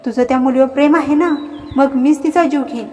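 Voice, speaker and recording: A woman's voice: high voice, brisk, warm tone, natural voice. Begging male villain, read by a woman. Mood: pleading. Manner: begging, whining. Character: cruel pleading male villain, captive uncle. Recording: reverberant, faint background music.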